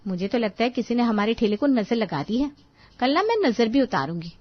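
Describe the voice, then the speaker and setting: A woman voicing a calm, sensible older sister-in-law in a cartoon, speaking in a measured way. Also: fairly high pitch, dry recording. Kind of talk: cartoon voice acting. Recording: dull dry studio voice-over.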